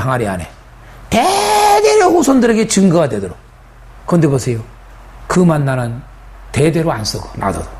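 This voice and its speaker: Male pastor, lively high-pitched sermon delivery, repetitive and emphatic. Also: a little hiss or hum. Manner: emphatic, repetitive preaching with rhetorical questions.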